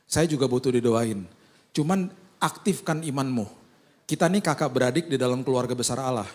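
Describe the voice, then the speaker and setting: A man's voice: mid-range voice, brisk. A male pastor, preaching a humorous sermon full of acted-out anecdotes and casual slang. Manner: casual Jakarta slang, joking storyteller.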